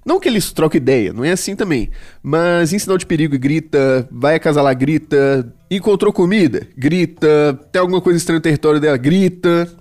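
A man's voice: a little high, animated, a little fast, a little mellow, soft background music. A man with a Brazilian accent hosting a casual educational show, chatty and playful with slang. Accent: Brazilian Portuguese. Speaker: podcast host explaining animals.

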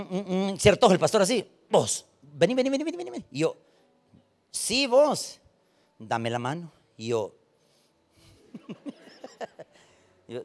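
A man preaching a sermon, telling stories and acting out the people in them, swinging from soft asides to loud points. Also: medium pitch. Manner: animated storytelling, acting out quoted voices, swings from soft to loud. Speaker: pastor.

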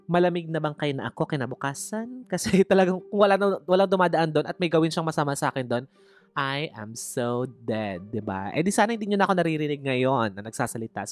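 A woman with a low voice tells a candid personal story, her tone swinging widely as she goes. She is playful and gossipy, throwing dramatic asides to the listener. Soft music plays faintly underneath.

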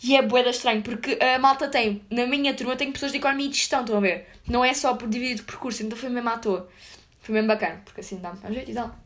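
A woman's voice: fairly high pitch, fairly even intonation, racing. A young woman with a European Portuguese accent, telling a story to her viewers in casual, slangy chat full of fillers. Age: young adult. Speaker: vlogger.

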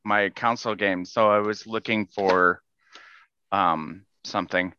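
A man's voice: fairly low pitch, fairly even intonation, measured pace, sharp tone, highs cut off, a little hiss or hum. A man rambling in a casual podcast chat, often searching for words with lots of fillers.

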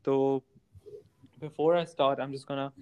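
A man's voice: medium pitch, flat delivery, moderate pace, a little mellow, clear, resonant tone, dry recording. A man with a Pakistani accent hosting a casual podcast, switching between English and Hindi-Urdu mid-sentence. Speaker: podcast host.

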